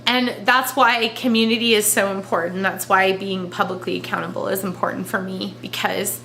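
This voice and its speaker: A woman crying as she talks in a personal confessional vlog, halting and emotional as she searches for words. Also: mid-range voice, fairly even intonation, creaky, sharp tone, a little hiss or hum. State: crying, tearful. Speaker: vlogger.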